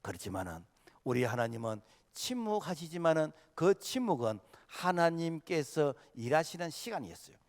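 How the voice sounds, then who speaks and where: A male senior pastor preaching a sermon, impassioned, full of filler "uh"s, swinging between loud outbursts and hushed passages. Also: on the high side. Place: church sanctuary. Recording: long hall reverb of a church sanctuary.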